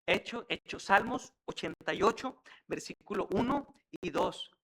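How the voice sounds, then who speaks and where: A man preaching a sermon, calling the congregation brothers and building to loud, fervent exhortation. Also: sits high, expressive, unhurried, vocal fry, low-quality recording. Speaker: pastor.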